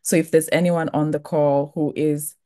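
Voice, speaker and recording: A young woman from Tanzania presenting a scholarship program in a webinar, speaking in a measured way with frequent "um" and "uh" fillers. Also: deep voice, level tone, mellow.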